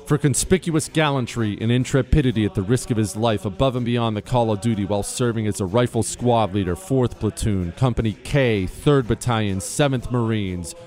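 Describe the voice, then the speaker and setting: Radio host, American male, mid pitch. Crisp, formal military citation read over music. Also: normal speed, few pauses, darkish tone. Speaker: radio talk show host. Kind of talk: scripted citation reading.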